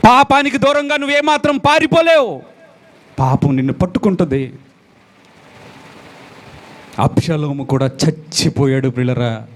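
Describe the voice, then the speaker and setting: A male pastor preaching a sermon, swinging between loud exclamations and low, quiet lines and repeating phrases for emphasis. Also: animated, moderate pace, pauses often, slight background noise.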